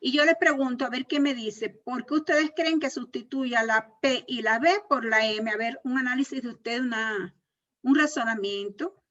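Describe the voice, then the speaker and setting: A woman's voice: on the high side, moderate pace, a bit bright. A woman teacher giving a lecture, explaining step by step, repeating key points and checking in with her class. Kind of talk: university lecture on speech disorders. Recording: dull lo-fi recording.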